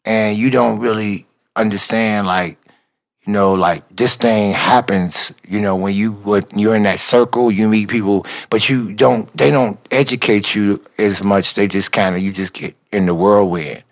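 Brief: gravelly-voiced male music exec, slangy, animated storyteller who laughs a lot; from Chicago. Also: fairly low pitch, unhurried. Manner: animated, acts out dialogue, laughs often, slangy. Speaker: music executive guest. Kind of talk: casual storytelling interview.

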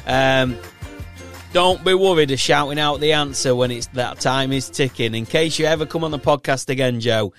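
A man's voice: medium pitch, normal speed, a bit bright, soft background music. A man with a thick Yorkshire accent hosting a casual podcast in a chatty, encouraging, matey way. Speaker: podcast host and quizmaster.

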